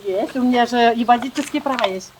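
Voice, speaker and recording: A middle-aged village woman in casual chat, brisk and hospitable as she urges things on her guests. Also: a little high, recorded from a distance, background noise. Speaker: village local and guide. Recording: busy outdoor chatter and background sounds.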